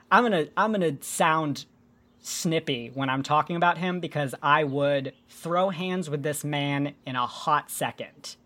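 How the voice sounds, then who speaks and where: A woman hosting a casual podcast, explaining myths and folklore in an animated, joking way with some swearing. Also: deep voice. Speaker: podcast host.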